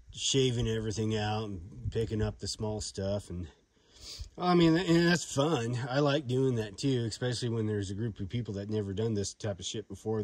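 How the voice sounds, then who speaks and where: Here a man's fairly low, slightly mellow voice carries no room sound as he reviews a fire-starting product outdoors. He speaks off the cuff in a rambling, folksy, hesitant manner with occasional swearing. The recording is clearly noisy, with clicks.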